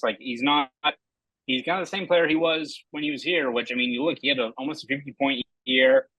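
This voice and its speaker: A man's voice: mid-range voice, sharp tone, no room sound, low-quality recording. A young man with a Boston accent co-hosting a casual sports podcast, laying out his points at length and checking in with "right?". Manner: talkative, builds points with asides and "right?". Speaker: podcast co-host.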